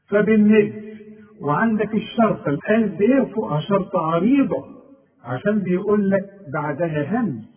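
Egyptian male recitation teacher, high voice, slow chanting and quick corrections, tinny phone-quality audio. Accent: Egyptian Arabic. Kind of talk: Quran recitation lesson.

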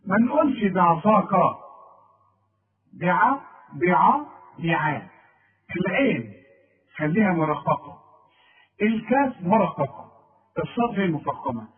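A man with an Egyptian accent teaching Quran recitation rules, correcting a student and repeating sounds slowly. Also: high voice, sing-song, husky. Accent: Egyptian Arabic. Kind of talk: tajweed lesson. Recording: tinny phone-like audio.

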